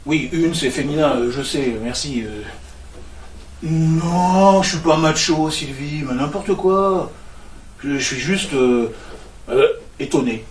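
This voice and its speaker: A man's voice: a little high, slight background noise. An actor playing an awkward, tactless man who stammers when flustered, heard on a stage. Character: awkward clumsy man, self-satisfied and tactless. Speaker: office worker and neighbour. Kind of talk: stage comedy acting. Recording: echoey stage sound from far off.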